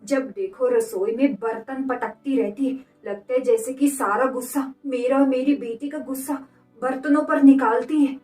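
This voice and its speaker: Woman doing a shrill scolding mother-in-law. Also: steady tone, moderate pace, dark tone, faint music behind, close to an everyday voice. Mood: complaining. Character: harsh scolding middle-aged mother-in-law. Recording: echoey room, mic at a distance.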